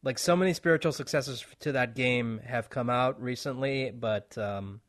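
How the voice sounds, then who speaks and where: A man's voice: mid-range voice, moderate pace, fairly bright tone. A man hosting a casual interview, rambling loosely with many fillers and laughing often. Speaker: podcast host, interviewer.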